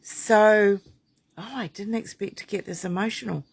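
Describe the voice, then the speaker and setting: A woman's voice: medium pitch, fairly even intonation, normal speed, gravelly, breathy edge. A middle-aged woman midwife talking to camera in a heartfelt, chatty way, rambling with fillers and restarts. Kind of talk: heartfelt casual talk to camera.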